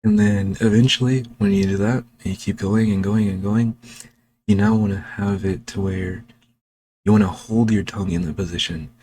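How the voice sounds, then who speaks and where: A man slowly explaining a speaking technique in a casual home tutorial, recorded on a desk microphone. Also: lowish voice, fairly even intonation, mellow. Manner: slow, unhurried, talking while demonstrating. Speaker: language learning vlogger.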